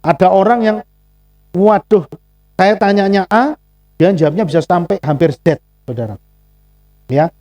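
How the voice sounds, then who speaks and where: A male pastor with a Javanese accent preaching a sermon, animated and acting out little dialogues. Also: sits high, a little slow, pauses often. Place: congregation church.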